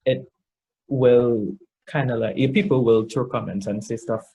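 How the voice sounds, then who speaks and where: A man with a Trinidadian accent chatting casually, a little drunk and halting as he searches for his words. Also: medium pitch, fairly even intonation, dark tone, husky. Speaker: guest in a makeup challenge video. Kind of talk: casual chat.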